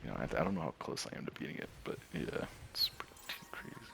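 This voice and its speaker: Very deep gravelly man, rambling chat. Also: sing-song, fast, slight background noise. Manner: rambling, many fillers, laughs often, drops to soft near-whispers. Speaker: streamer and gamer. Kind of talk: casual rambling monologue.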